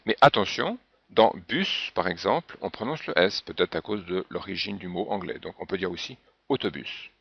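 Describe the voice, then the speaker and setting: A man's voice: sits low, moderate pace, creaky, slightly rough, dry recording. A man teaching a French pronunciation lesson, patiently spelling out example words one by one. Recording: dull, dry lo-fi recording.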